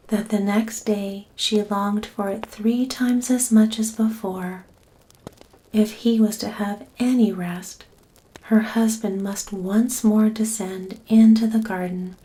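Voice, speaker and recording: A woman reading a bedtime story in a soft, breathy, whispery voice, gently and soothingly. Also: medium pitch, low-quality recording. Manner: gentle, soothing, unhurried delivery.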